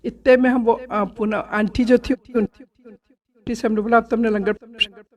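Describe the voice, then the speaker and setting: A middle-aged woman telling a devotional story from a satsang visit, animated and laughing, acting out many quoted exchanges. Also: fairly high pitch, normal speed. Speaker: devotee sharing a satsang experience. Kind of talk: storytelling testimony.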